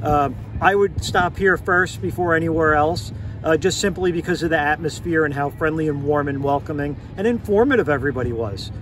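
Man, 40s, vlog host, phone at arm's length, outdoors, clear background noise. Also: fairly high pitch, a little fast. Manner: upbeat, emphatic lists of verdicts. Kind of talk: casual travel review vlog. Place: outdoors in a parking lot. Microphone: phone camera at arm's length.

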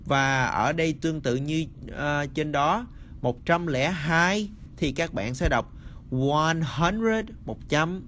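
A man gives a casual spoken lesson at an unhurried pace, repeating each word and checking often that the listeners follow. His voice is bright and sits a little high for a man, with a faint hum of the room behind him. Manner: slow, repeats words, addresses viewers as friends. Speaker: English teacher.

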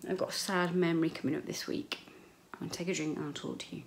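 A woman's voice: on the low side, fairly even intonation, fast talker, slight background noise. A middle-aged British woman vlogging casually from an echoey room, rambling and playful. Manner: rambling, playful, mildly sweary. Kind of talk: casual chatty vlog to camera. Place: small echoey bedroom at home, indoors. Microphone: handheld camera at arm's length.

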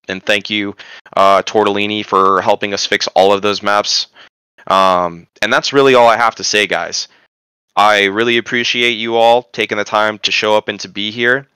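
A man's voice: on the low side, pushed and bright, smooth, no room sound. A man giving an informal pre-game briefing as a tournament organizer, emphatic and often checking that he is understood. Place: indoors, online group voice chat.

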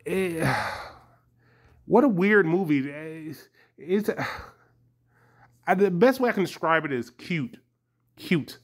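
A man's voice: a little high, expressive, takes it slowly, long pauses. A man, a young adult, chatting casually to his viewers in a rambling, hesitant way with frequent chuckles. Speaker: vlogger.

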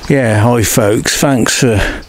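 An older English man films his own vlog while riding along a canal towpath, chatting casually and repeatedly saying "folks" and "follow me." His medium-pitched voice takes it slowly, recorded on a cabled mic with a little hiss or hum.

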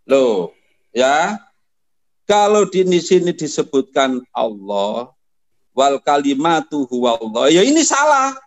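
A man's voice: a little high, big pitch swings, takes it slowly. A man arguing in a heated debate, lecturing and dismissive. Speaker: Islamic cleric in debate.

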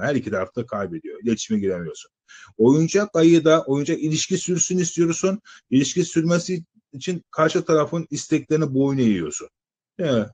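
A man lecturing exam candidates in a slightly husky voice. He talks in a loose, conversational way, firing rhetorical questions at the class and stretching out filler sounds while he thinks. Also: mid-range voice, a little mellow. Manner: asks students rhetorical questions, many "e" fillers. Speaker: exam-prep teacher. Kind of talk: live lecture to students.

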